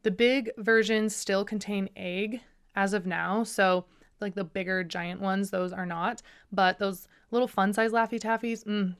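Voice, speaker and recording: A young woman hosting a solo podcast, talking in a chatty, bubbly way with lots of asides. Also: medium pitch. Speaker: podcast host. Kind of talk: casual solo podcast chat.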